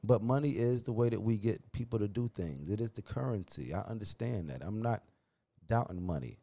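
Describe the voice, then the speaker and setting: A man hosting a podcast, talking casually and heatedly in slang, his pitch jumping when he gets worked up. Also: brisk, vocal fry. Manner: animated, slangy, calls listener "dog"; restless pitch, rises sharply when worked up. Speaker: podcast host. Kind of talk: casual opinion talk.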